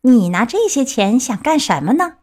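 A woman's voice: on the high side, normal speed. Woman doing a sly, fawning fox. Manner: smooth, falsely polite, flattering. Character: sly scheming male fox. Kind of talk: storybook reading.

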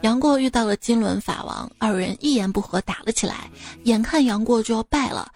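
A woman hosting a joke show, reading out short jokes at an unhurried pace and chuckling at her own punchlines. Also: fairly high pitch, darkish tone, faint music behind. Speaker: radio joke-show host.

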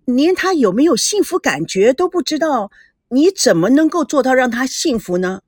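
A woman doing a calm, wise young woman. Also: high-pitched, slightly rough, dry recording, studio quality, pitched above the performer's own voice, exaggerated voice. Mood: serene. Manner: gentle, measured, philosophical.

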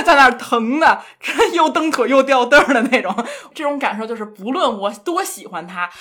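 A young woman guest telling a self-mocking love story in casual chat, animated and laughing often. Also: on the high side. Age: young adult. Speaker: podcast guest.

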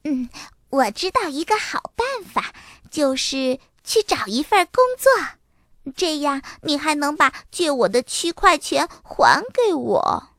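A woman reading a storybook, voicing a cheeky little sister with a pert, lively way of talking. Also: sits high, takes it slowly, no echo, studio quality, voice pushed up, full character voice.

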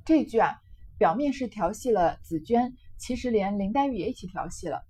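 A woman's voice: medium pitch, animated, normal speed, warm tone, husky. A woman retelling and explaining a classic novel in a chatty way, with many fillers. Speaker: literature explainer. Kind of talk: storytelling commentary.

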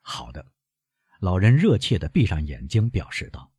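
Husky male audiobook narrator. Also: low voice, wildly swooping pitch, moderate pace, warm tone, no echo, studio quality. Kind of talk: audiobook narration of a classic novel.

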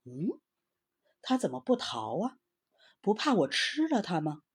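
A woman voicing a big, greedy male tiger in a children's storybook, muttering in a low, grumbling voice. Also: big pitch swings, a little slow, husky, full character voice. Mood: suspicious muttering.

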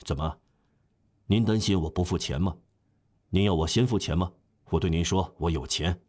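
A man voicing a weary, hungry male traveler who is stubborn and proud, speaking low and quietly insistent in an audiobook. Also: moderate pace. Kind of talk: audiobook character reading.

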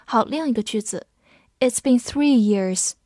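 Clear, patient woman teaching vocabulary. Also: fairly high pitch, measured pace, a little mellow, no room sound, clean studio sound. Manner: clear, patient, spells words letter by letter. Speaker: English teacher. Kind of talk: vocabulary lesson with slow spelled readings.

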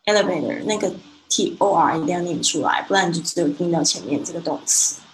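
A Mandarin-speaking woman with a low voice gives a one-on-one English pronunciation lesson. She corrects gently and models each word slowly and clearly. A faint hiss of noise sits under her voice. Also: rough recording. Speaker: English teacher.

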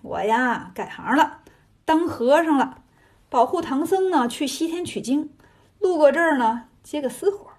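A woman's voice: high-pitched, animated, unhurried. Sun Wukong, put on by a woman: a cocky, teasing monkey king. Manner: teasing, swaggering.

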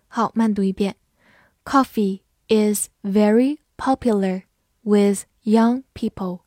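Slow, dry-voiced woman teaching vocabulary. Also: mid-range voice, a little mellow, no room sound. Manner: spells words letter by letter and reads example sentences slowly. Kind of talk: scripted vocabulary lesson.

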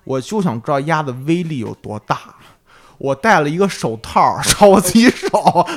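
A man with a Beijing accent chatting casually as a podcast co-host, telling childhood stories in an animated way and swearing freely. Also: a little high, normal speed, vocal fry.

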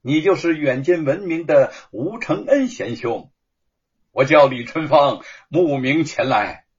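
A man's voice: fairly high pitch, lively intonation, measured pace, husky, lo-fi sound, full character voice. A man voicing an earnest young scholar. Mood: friendly. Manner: earnest, persuasive. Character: Li Chunfang, earnest frank young male scholar.

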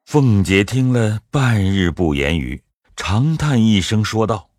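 A man narrating an audio drama in a measured storytelling manner. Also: lowish voice, lively intonation, darkish tone, no room sound, clean studio sound.

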